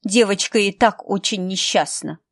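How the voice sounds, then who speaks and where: A woman's voice: medium pitch, normal speed, dry recording, clean studio sound, natural voice. Woman doing a cozy soothing housekeeper. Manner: soothing, decisive.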